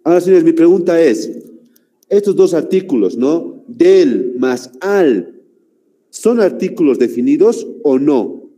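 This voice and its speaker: A male teacher speaks slowly and deliberately, his pitch rising and falling a lot as he walks the class through each example. His voice has a dark, mellow tone. The sound carries a long hall-like reverb. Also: sing-song. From Bolivia. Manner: slow, deliberate, repeats phrases, keeps asking "¿no?". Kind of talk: classroom grammar lesson.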